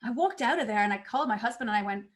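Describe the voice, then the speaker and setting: Animated woman telling her career story. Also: fairly high pitch, very fast. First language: not English. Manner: animated storytelling, acts out her own past reactions. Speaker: conference speaker. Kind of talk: conference talk.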